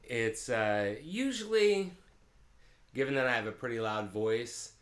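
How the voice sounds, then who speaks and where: His voice is mid-range with lively intonation, and he talks unhurriedly. Hosting a live music stream from his home in California, the man chats casually and rambles with viewers between songs. The open-air mic sits three or four feet off, so the sound carries a roomy echo.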